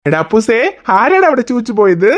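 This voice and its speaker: A woman playing a gentle cartoon dad. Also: on the high side, very animated, brisk, lo-fi sound. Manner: reassuring, mock-scolding. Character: cartoon father, gentle and scolding. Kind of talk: cartoon voice acting.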